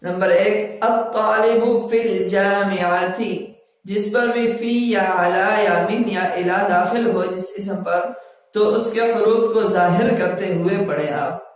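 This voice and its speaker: A man teaching a language lesson, explaining grammar step by step and reading example sentences slowly, asking questions and answering them himself. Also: high voice. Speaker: Arabic teacher. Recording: echoey room, voice from a distance.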